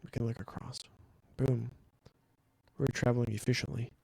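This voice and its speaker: A man streaming a game, chatting excitably and answering his chat with casual fillers. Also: mid-range voice, normal speed, creaky, husky, dry recording, low-quality recording. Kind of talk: casual let's-play commentary.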